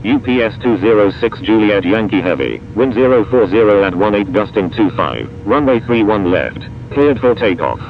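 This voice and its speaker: Low-voiced male air traffic controller, noisy radio. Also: expressive, moderate pace, hardly any pauses. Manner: procedural, reciting instructions in set phrases. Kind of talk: aviation radio phraseology. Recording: muffled radio with loud rumbling noise.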